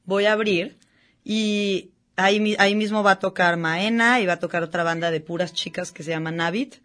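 A woman, a musician guest in a casual interview, relaxed and chatty with slang. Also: medium pitch, normal speed. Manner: relaxed, chatty, uses slang, restarts often.

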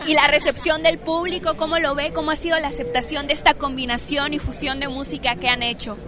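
A woman's voice: high-pitched, level tone, a little fast, a crowd in the background. A woman reporter asking a band curious, engaged questions. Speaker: radio festival reporter. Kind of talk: on-site interview.

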